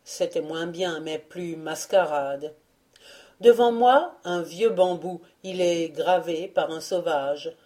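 Woman, audiobook reading, measured and wry, mellow dark tone, unhurried pace. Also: on the low side. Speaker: audiobook reader.

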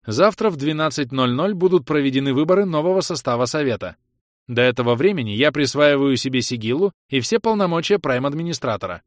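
Guy putting on a raised, flat machine voice, cold ai running a colony, bossy and emotionless, dry sound. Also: medium pitch, quick pace, no echo, voice pushed up, lightly acted. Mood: commanding. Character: cold sexless AI governing a colony.

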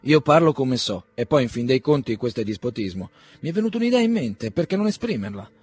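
A man voicing a blunt, scornful young man with a mocking, cutting way of talking, raised and louder than his reading voice. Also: mid-range voice, big pitch swings, quick pace, breathy edge, dry recording, voice pushed up.

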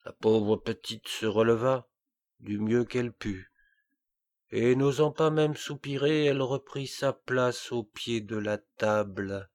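A man reading a classic tale aloud as audiobook narration, measured and deliberate. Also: mid-range voice, darkish tone. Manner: slow, measured storytelling. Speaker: audiobook reader.

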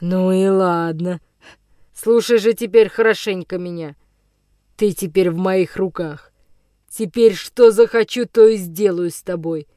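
A woman voicing a coarse older male forest vagabond villain in an audiobook, with a rough, menacing, gloating voice. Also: medium pitch, unhurried, dark tone, no room sound, studio quality, close to an everyday voice. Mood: threatening. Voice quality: rough, hoarse-edged voice. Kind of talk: audiobook character reading.

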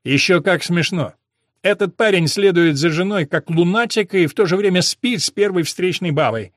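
A man's voice: high voice, normal speed, fairly bright tone, no echo, clean studio sound. A man voicing a brash, mocking playboy who sneers sarcastically.

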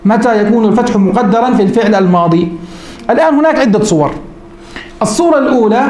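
A man teaching a grammar lesson as a sheikh. He asks his students questions, answers them himself and repeats each rule slowly. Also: very high voice, a little mellow, roomy sound. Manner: repeats rules slowly for emphasis.

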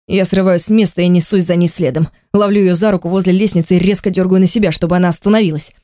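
A reader giving measured first-person audiobook narration into a close microphone. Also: mid-range voice, fairly even intonation, warm tone, no room sound.

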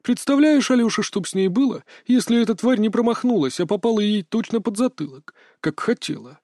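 A man's voice: high voice, expressive, brisk, a little mellow, dry recording, studio quality, pitched above the performer's own voice. A man voicing a sly, cackling old male sorcerer who talks in a folksy, mock-tender, chatty way. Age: older.

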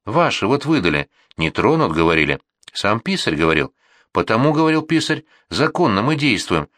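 A man voicing a frightened peasant sledge driver who begs in a high, womanish, imploring voice. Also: sing-song, normal speed, a bit bright, dry recording, clean studio sound. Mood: pleading. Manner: wailing, imploring.

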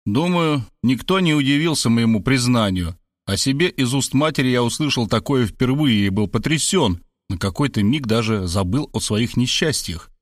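A man narrating a story in the first person, wry and deadpan in his delivery. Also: mid-range voice, moderate pace, no echo, studio quality. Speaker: audiobook narrator.

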